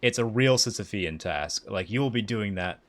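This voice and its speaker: A man's voice: fairly low pitch, expressive, normal speed, fairly bright tone. A man streaming a video game, chatting casually and rambling upbeat about what he is playing. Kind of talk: casual gameplay commentary.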